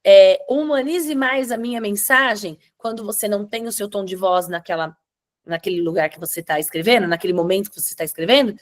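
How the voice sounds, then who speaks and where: A woman's voice: fairly low pitch, fast talker. Woman teaching a webinar. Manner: explanatory, with frequent "tá?" check-ins and restarts. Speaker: webinar host. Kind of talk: online webinar presentation.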